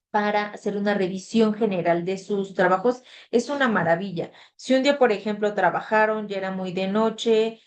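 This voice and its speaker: Teaching an online class over a video call, a woman speaks in a mid-range, a little mellow voice. Her style is relaxed and chatty, with frequent uses of "este" and the chat read out loud.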